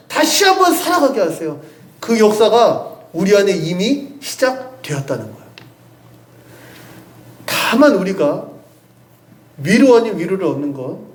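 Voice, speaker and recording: High, animated man preaching in a church. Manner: earnest, acts out quoted voices with rising emphasis. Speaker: youth pastor. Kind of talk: sermon. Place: church sanctuary. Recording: echoey church room.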